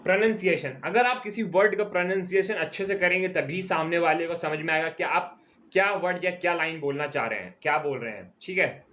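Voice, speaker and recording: A man teaching a commerce lecture at a board, explaining terms step by step and stretching key words out slowly. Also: a little high, a bit bright. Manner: repeats key terms slowly, checks in with "ठीक है". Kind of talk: classroom lecture.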